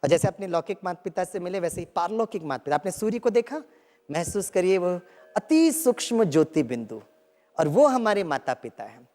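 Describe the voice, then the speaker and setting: Male spiritual teacher, gentle and coaxing, a bit high-pitched, long reverb of a large hall. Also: very animated, moderate pace. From Kerala, India. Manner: gentle and coaxing, mixing Hindi with English phrases, often asking "right?". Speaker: spiritual teacher leading meditation. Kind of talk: guided meditation talk to an audience. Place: large hall with a live audience.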